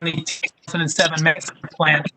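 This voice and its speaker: A man testifying by phone at a public hearing, speaking haltingly with the phone held away from his mouth, so his voice comes through distant and breaking up. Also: fairly high pitch, monotone, background noise.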